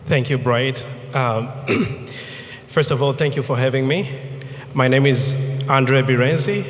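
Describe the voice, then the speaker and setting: A man's voice: medium pitch, slow. A young man from the Democratic Republic of Congo introducing himself politely on a live panel. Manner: composed, polite. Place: event stage. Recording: echoey hall reverb.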